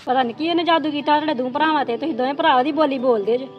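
A woman's voice: sits high, lo-fi sound, soft background music, natural voice. Woman playing a jealous scolding mother-in-law. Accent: Punjabi. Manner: nagging, taunting, quick. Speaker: actor in family drama. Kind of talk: Punjabi village drama acting.

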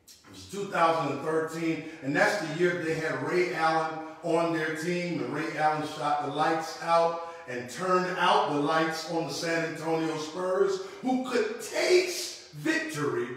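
High-voiced preacher in an echoey room. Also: male voice, expressive, measured pace, fairly bright tone. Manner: preaching with call-outs and repetition, sweeping gestures. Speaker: pastor. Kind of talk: sermon. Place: church room with logo backdrop, standing at a lectern. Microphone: far camera. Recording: echoey room, mic far off.

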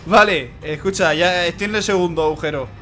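A man with a Spain Spanish accent giving casual gaming commentary, excitable and stammering through repeated words as he swears. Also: high voice, fairly quick, soft background music. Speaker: gaming YouTuber.

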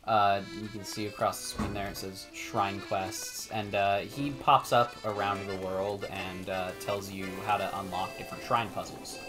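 A man's voice: fairly low pitch, fairly even intonation, unhurried, few pauses, over music. A man co-hosting a casual gameplay chat, joking around and giggling at his own bits. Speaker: co-host.

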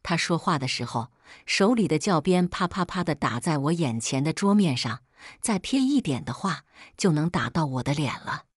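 A woman calmly reading a first-person story aloud as scripted narration. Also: low-pitched, normal speed, breathy edge, no echo, clean studio sound.

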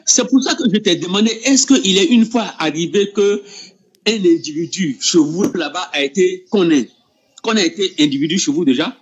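A man's voice: sits high, moderate pace, breathy edge. A man from Ivory Coast moderating an online religious debate, pressing the same question again and again. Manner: insistent, repeats his question. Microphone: online voice call. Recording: muffled lo-fi online call audio.

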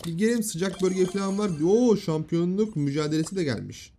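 A man in his thirties at home giving casual gameplay commentary, bantering and often shouting at his kids. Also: high voice, lively intonation, a little fast, soft background music. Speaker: gaming YouTuber and father. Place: home room.

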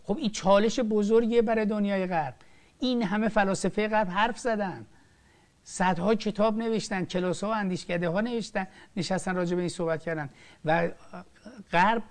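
An older man, a film director, giving impassioned political commentary with emphatic rises and drops and frequent restarts. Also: high voice. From Iran. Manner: emphatic, rising and falling sharply, frequent restarts.

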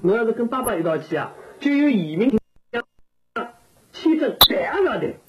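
An actress playing a coaxing family member in a TV drama, speaking with a Shanghai accent. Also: female voice, fairly high pitch, sing-song, unhurried, highs cut off, loud music behind the voice. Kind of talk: naturalistic television drama dialogue. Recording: very noisy old TV tape.

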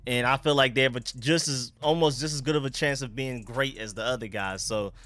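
A man's voice: mid-range voice, steady tone, fairly quick, fairly bright tone, no echo. A young man hosting a casual sports livestream in slangy, informal talk, his speech slightly impeded by a dental retainer. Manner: informal, slangy, repeats greetings and catchphrases. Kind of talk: casual livestream chat, greeting viewers.

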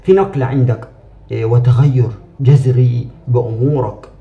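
A man giving a spiritual fortune reading in a reassuring, repetitive monologue, with drawn-out "aah" fillers. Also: medium pitch, steady tone, creaky, reverberant, dull audio.

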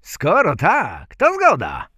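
A man voicing gruff village thieves in a folk tale, snapping their lines. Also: a little high, huge pitch swings, takes it slowly, bright, forceful tone, no echo, clean studio sound, pitched above the performer's own voice, exaggerated voice. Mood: snappish.

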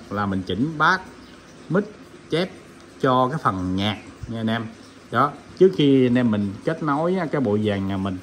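A man walks viewers through a product demo in a loose, chatty way. He keeps dropping fillers and calling his audience friends. His voice sits in a middle range, with faint noise behind him indoors. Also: mid-range voice. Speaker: audio shop owner demonstrating gear. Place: indoor room with sound system.

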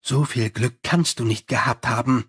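A man doing a gruff werewolf sergeant woman. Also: medium pitch, unhurried, no echo, studio quality. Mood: curt suspicious. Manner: curt and growling. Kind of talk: audiobook character voice.

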